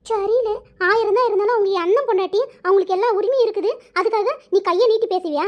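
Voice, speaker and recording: A woman's voice: very high-pitched, fast, highs cut off. A woman voicing a middle-aged cartoon mother who firmly demands order. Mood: stern.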